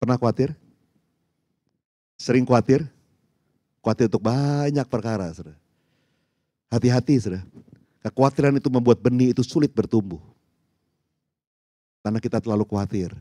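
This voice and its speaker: A man's voice: medium pitch, brisk, long pauses, dry recording, studio quality. A man, telling stories animatedly and calling the congregation "saudara". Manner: animated storytelling, acting out voices, addressing the congregation as "saudara". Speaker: pastor. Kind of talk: sermon.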